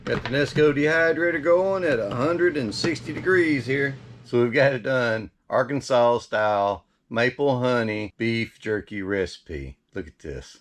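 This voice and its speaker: A man's voice: mid-range voice, measured pace, few pauses. A man giving a casual recipe demonstration as a cooking host, folksy and chatty, often half talking to himself.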